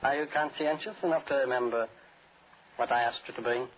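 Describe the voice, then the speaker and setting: A man plays a courteous, scheming doctor in an old radio thriller. His speech is formal, precise and silkily insinuating, at a middle pitch, heard through a thin, narrow recording with some hiss. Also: a little fast, close to an everyday voice. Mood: cool menace. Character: suave, fussy criminal doctor, coolly courteous schemer. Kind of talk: 1940s radio thriller acting.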